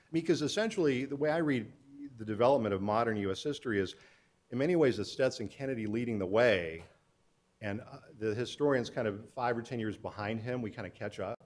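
A man's voice: lowish voice, fairly quick. A middle-aged man, a historian and author, giving an earnest public talk to an audience, telling stories with frequent restarts.

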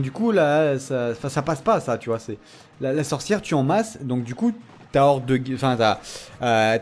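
A man hosting a gaming channel, giving excitable, teasing gameplay commentary and laughing often. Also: medium pitch, a little hiss or hum.

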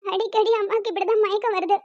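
A woman's voice: very high voice, level tone, fast talker, warm tone, no echo, lo-fi sound. A woman voicing an anxious young female college student in a cartoon, talking in a tearful, pleading way. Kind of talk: cartoon voice acting.

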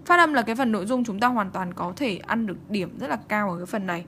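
Brisk Vietnamese woman teacher checking in. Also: medium pitch, expressive, fairly bright tone, slight background noise. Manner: brisk and repetitive, checking in with students. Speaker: English teacher. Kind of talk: online exam-prep lesson.

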